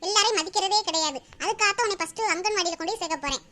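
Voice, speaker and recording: A woman's voice: very high voice, rapid-fire, pushed and bright. A woman playing a young mother, coaxing and scolding her child.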